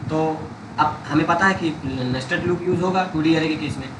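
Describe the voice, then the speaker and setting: A man's voice: on the high side, a little fast, reverberant, noisy background. A man teaching programming step by step, checking that his students follow along. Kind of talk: coding tutorial.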